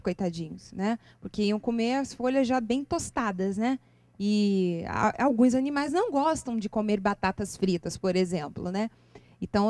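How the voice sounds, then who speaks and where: A Brazilian woman lecturing to a live audience on music and spirituality, animated and expressive, asking her listeners question after question. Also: no room sound. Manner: lively, expressive intonation with sudden leaps in pitch. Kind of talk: seminar talk to a live audience. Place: lecture venue.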